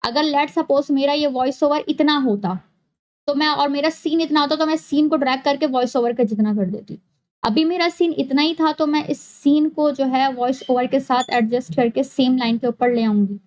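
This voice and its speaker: A woman with a high, light voice walks through a software tutorial step by step. She explains patiently and goes back over key points. The recording is dull and lo-fi. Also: moderate pace. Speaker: animation tutorial host.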